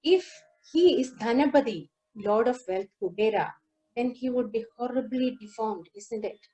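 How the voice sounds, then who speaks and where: A woman giving a lecture demonstration over a video call, explaining song lyrics line by line and singing a few verses slowly. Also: fairly high pitch, dark tone, low-quality recording. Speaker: lecturer on Carnatic music. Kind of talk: lecture demonstration with sung lines.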